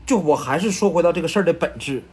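This man speaks. He is a bookstore co-owner in casual chat, earnest and reflective. His husky voice rises and falls a lot. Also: a little high, expressive, fast, darkish tone.

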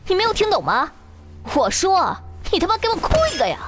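A woman's voice: very high voice, very animated, moderate pace, fairly bright tone, heavily acted. A woman voicing a sadistic female lab examiner who coaxes like a big sister, then shrieks orders, in an audio drama with faint music. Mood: screaming. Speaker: examiner Teacher Zhou.

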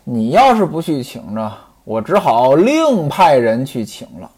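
Brief: a stern, sharp-tongued head wife, sarcastic and scolding, lively pitch, voiced by a storyteller. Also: unhurried, slightly rough.

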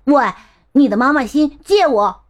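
A woman's voice: high-pitched, expressive, unhurried. A woman voicing a mischievous, grabby little boy in a read-aloud storybook. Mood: cheeky. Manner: bratty, loud. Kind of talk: storybook reading.

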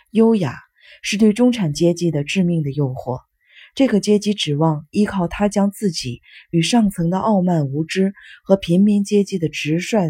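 A woman reads a nonfiction text aloud in a low, slightly breathy voice with a mellow, warm tone. She keeps a steady, measured pace, and the recording is close and dry, with no room sound. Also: no echo. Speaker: audiobook narrator. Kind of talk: scripted nonfiction narration.

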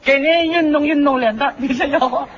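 A man performing a crosstalk comedy duet, trading quick banter and sing-song hawker's calls. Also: extremely high pitch, a bit bright, a little hiss or hum. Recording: lo-fi old recording.

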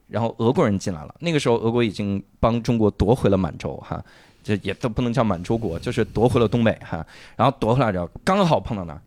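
A man casually retelling a drama's plot on a chat show, acting out the characters' lines and bursting into loud swearing at the emotional moments. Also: mid-range voice, no echo, clean studio sound. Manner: animated storytelling, acts out lines with loud swearing outbursts. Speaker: podcast co-host.

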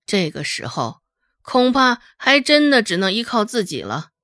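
A woman narrating a serialized novel in an expressive, dramatic storytelling manner. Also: mid-range voice, measured pace, dry recording, clean studio sound. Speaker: audiobook narrator.

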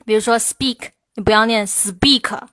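A woman English teacher answering viewers' questions in a livestream, explaining slowly and stressing her English examples. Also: on the high side, little pitch movement, a bit bright, dry recording. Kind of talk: livestream Q&A lesson.

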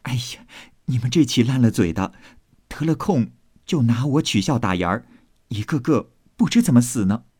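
Xiren, a man doing a calm senior maid. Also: medium pitch, normal speed, breathy edge, no room sound. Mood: calm instruction. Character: composed senior maid, motherly and practical.

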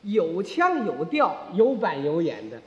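A man with a very high voice leads a crosstalk comedy routine, spinning jokes at an unhurried pace. The recording is dull and lo-fi and rings in a large hall. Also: wildly swooping pitch, a bit bright. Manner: storytelling, mimicking and joking.

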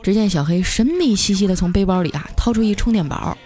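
A woman telling comic stories as a podcast host, lively and chuckling often. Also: mid-range voice, fast talker. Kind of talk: comic storytelling. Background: background music.

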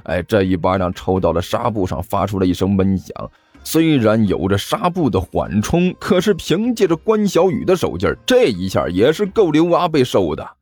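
A man narrating a comic audiobook story in a lively, theatrical storytelling manner. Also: lowish voice, normal speed, no echo, soft background music.

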